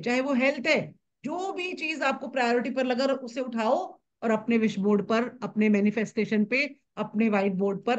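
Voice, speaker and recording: A woman teaching a live online class on manifestation, talking briskly and conversationally, repeating her points over an online call. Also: sits high. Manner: brisk, repetitive, conversational explaining.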